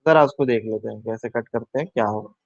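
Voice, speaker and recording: A man with a low-leaning voice, quick pace and vocal fry teaches a live online maths class, recorded in dull, dry lo-fi sound. He talks through each step aloud, mixes English maths terms into Hindi and puts questions to his students.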